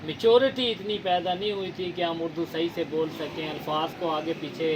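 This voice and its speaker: An interviewer and channel host from Punjab, Pakistan speaks in a voice on the high side, with a steady tone and moderate pace, over background noise. He hosts a casual chat, talking earnestly and in a lecturing way, using formal words and many fillers.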